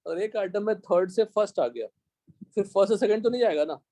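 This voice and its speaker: A man's voice: sits high, lively intonation, mellow, dry recording. A young man with an Indian accent teaching a live chemistry class, explaining step by step and often checking whether the class is following. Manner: dictates slowly in English.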